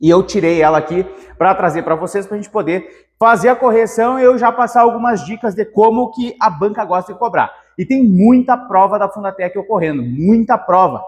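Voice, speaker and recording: Male teacher, high voice, lively grammar lesson, long reverb. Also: brisk. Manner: lively, animated, calls viewers "meu querido". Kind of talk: exam-prep grammar lesson.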